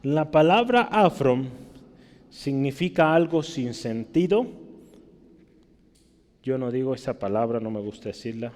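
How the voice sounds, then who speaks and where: A man's voice: medium pitch, animated, a little slow, pauses often, a little mellow, in a large hall. A man with a Mexican Spanish accent preaching a conversational sermon, often checking in with his listeners. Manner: conversational teaching, frequent tag questions.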